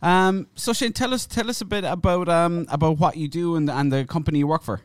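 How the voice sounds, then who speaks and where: A man's voice: a little high, brisk, dry recording. A man hosting an interview, asking conversational questions that he tentatively rephrases. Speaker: podcast host, interviewer.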